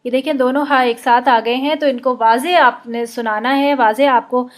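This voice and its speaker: A woman teaching Arabic letter sounds, explaining patiently and drawing out slow model pronunciations. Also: high-pitched, fairly even intonation. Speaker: Quran recitation teacher. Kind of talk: instructional explanation with slow demonstrations.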